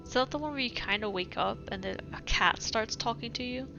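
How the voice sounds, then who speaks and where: Fairly high-pitched and a little fast, with vocal fry, this young woman chats casually during a game stream, reading letters aloud, laughing often and using lots of fillers. Her accent is mixed European English, from British birth and a European upbringing. The sound is lo-fi, with music playing.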